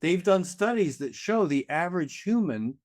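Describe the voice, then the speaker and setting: A man's voice: high voice, very animated, normal speed, dry recording, clean studio sound. A man in his sixties, a guest in a casual conversation, musing reflectively with an easy, sometimes profane manner.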